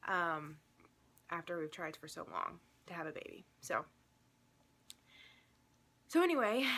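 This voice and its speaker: A woman's voice: mid-range voice, pushed and bright. A young woman vlogging from home, talking casually and rambling a little, with many ums and restarts, somewhat out of breath. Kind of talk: casual chat.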